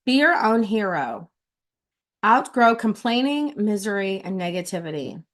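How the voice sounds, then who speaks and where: In a casual vlog, a middle-aged woman shares her retreat notes in a medium-pitched, very animated voice that runs a little slow. She's heartfelt and tearful, close to crying, and keeps restarting her phrases.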